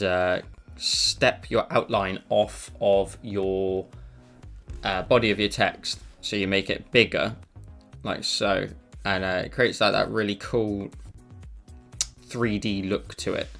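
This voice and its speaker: With a low, gravelly voice, a man streams a digital art tutorial, chatting and responding to viewer messages in a casual way. He speaks unhurriedly in a level, slightly bright tone; he wears headphones, uses a desk mic, and faint music plays behind him.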